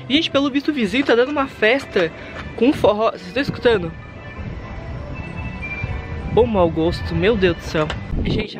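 A young man with a Brazilian accent, vlogging in an excitable, dramatic way, talking straight to his viewers into a handheld camera. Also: very high voice. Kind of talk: casual vlog talk to viewers.

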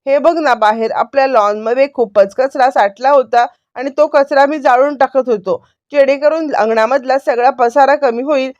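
A woman voicing a scheming, spiteful man who taunts loudly and then plays innocent, in a dry, slightly dull recording. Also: high voice, moderate pace, dry recording, lightly acted. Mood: taunting. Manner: loud, mocking, falsely innocent.

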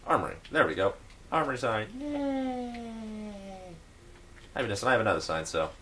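A man's voice: fairly low pitch, very animated, very fast, bright, forceful tone, a little hiss or hum. A young man casually narrating his game building, rambling with lots of fillers and hesitations. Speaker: gameplay video maker.

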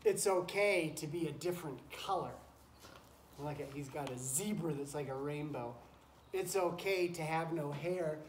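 In a wooden barn pen strewn with straw, a man with a fairly high voice reads a picture book aloud to children at normal speed, like a teacher. He chats encouragingly and breaks off for asides to the goats and chickens around him. A camera a few feet away picks him up, so the sound is roomy and noisy.

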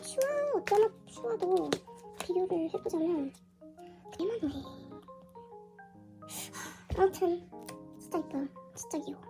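A woman unboxing an album in a casual vlog, her hoarse voice run through a pitch-raising voice changer, gushing and squealing often. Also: a little slow, long pauses, over music. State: hoarse from illness. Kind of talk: casual excited unboxing chat.

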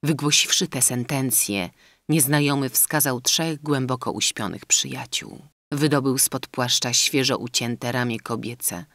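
A man reading a classic novel aloud as an audiobook narrator, in a measured literary delivery. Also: mid-range voice, fairly even intonation, a bit bright, dry recording, studio quality. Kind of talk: scripted narration.

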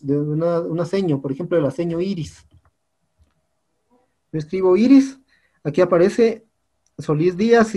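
This male teacher has a high voice with a darkish tone. He walks his students patiently through an online class platform, stopping often to check on them, and keeps saying "compañeros" and "¿sí?".

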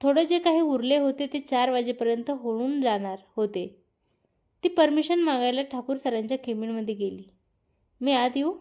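Storyteller: woman, higher mellow voice, steady scripted narration of a romance. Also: normal speed. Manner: reads every part herself, naming each speaker after their line.

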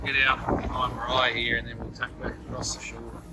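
An Australian man giving a relaxed, chatty running commentary from a catamaran, filmed on a phone. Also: medium pitch, brisk, gravelly, loud music behind the voice. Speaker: sailing vlogger. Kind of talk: casual narration on a boat. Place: on a catamaran outdoors.

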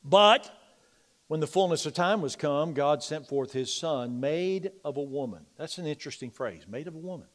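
A middle-aged male pastor delivers a sermon with a fairly high-pitched voice. He climbs to loud, emphatic declarations, then drops to a quiet, near-tearful hush as he shares personal stories. He preaches from the pulpit of a church sanctuary. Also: moderate pace.

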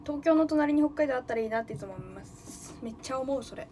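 High-voiced young woman chatting casually. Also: animated, fast talker, warm tone, slight background noise. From Nagano, Japan. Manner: chatty, thinks aloud, greets viewers often. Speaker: livestreaming idol. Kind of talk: casual livestream chat.

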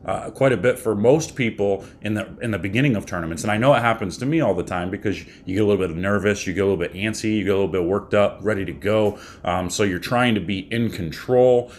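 Deep-voiced man giving a casual coaching tip. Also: a little hiss or hum. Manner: relaxed, rambling with fillers and restarts. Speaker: bowling coach. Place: small room at home, indoors.

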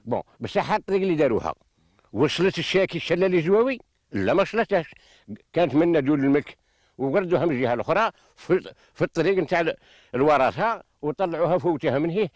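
Fast-talking older western Algerian man, aggrieved. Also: fairly high pitch, dry recording. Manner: aggrieved, insistent, repeats himself. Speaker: farmer. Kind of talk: impassioned on-location testimony. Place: outdoors in open farmland. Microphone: handheld reporter microphone.

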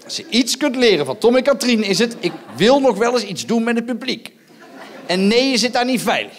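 A man doing stand-up on a theatre stage, loud and mocking, goading the audience with rhetorical asides. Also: very high voice, big pitch swings, brisk, slight background noise. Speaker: stand-up comedian. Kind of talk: live stand-up performance.

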